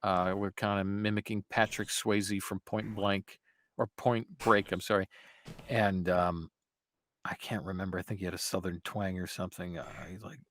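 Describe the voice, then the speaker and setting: A low-pitched man chatting casually about his acting jobs. He tells stories with animation and playful asides. The sound is dry and close. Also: normal speed, no room sound. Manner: animated storyteller, slips into playful voices. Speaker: guest voice actor. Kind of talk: casual podcast chat.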